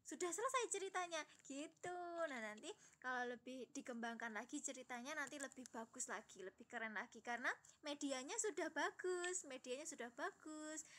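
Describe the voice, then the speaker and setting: A woman teacher giving gentle, praising feedback on a student's storytelling, pausing often with fillers. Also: sits high. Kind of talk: encouraging classroom feedback.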